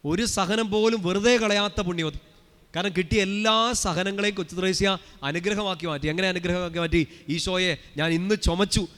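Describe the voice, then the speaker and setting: A male priest preaches rapidly to a gathered congregation, his fairly high voice trailing a long reverb through a large prayer hall. He keeps it conversational, tossing questions at the listeners and prompting them to respond together. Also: fairly even intonation, fairly bright tone, clear, resonant tone. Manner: chatty, asks the crowd questions and has them answer. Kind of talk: live sermon to a congregation.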